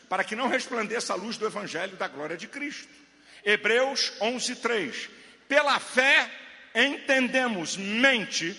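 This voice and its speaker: A man preaching a Pentecostal sermon to a congregation, swinging between shouted lines and low murmurs. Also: in a large hall. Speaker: pastor. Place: church with live congregation.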